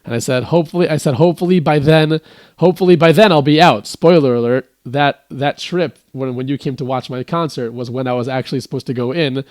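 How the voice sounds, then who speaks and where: Guesting on a podcast, a young musician from the United States whose first language is English rambles through a casual story, frequently restarting and animatedly quoting others. He talks a little fast in a mid-range voice, with no echo in the recording.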